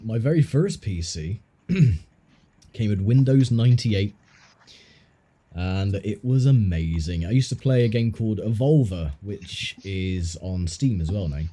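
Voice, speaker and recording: A man's voice: fairly low pitch, slow, dark tone. A man streaming, telling rambling stories in casual chat with a friend. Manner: rambling, self-interrupting storyteller.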